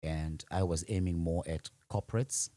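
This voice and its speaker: The founder of an audiovisual and livestreaming business, this Zimbabwean-accented man talks about his work while being interviewed on a podcast. He speaks at normal speed in a low, mellow, steady voice, with no echo in the recording.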